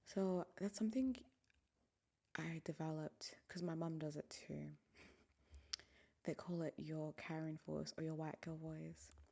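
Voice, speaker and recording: A woman's voice: low voice, steady tone, measured pace, vocal fry, pauses often, dark tone. A young woman from Africa hosting a solo podcast, talking candidly and reflectively into a microphone. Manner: candid and reflective, often dropping to a near whisper. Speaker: podcast host. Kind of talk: casual solo podcast monologue.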